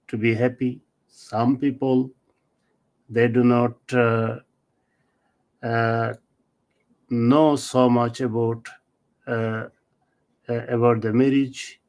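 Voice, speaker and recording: A middle-aged man from Bangladesh, answering interview questions as an author in a measured, halting way with many fillers. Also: medium pitch. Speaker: author and marriage celebrant, interview guest.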